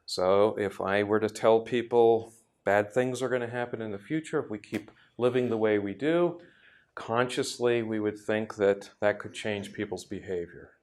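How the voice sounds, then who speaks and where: A man giving a reflective workshop lecture, speaking thoughtfully with frequent pauses and restarts. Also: fairly low pitch, darkish tone. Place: workshop room.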